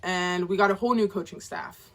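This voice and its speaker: A woman's voice: fairly low pitch, fairly even intonation, brisk. A woman in her twenties, an author rambling casually to camera in a chatty, self-deprecating way. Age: 20s. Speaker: author and vlogger.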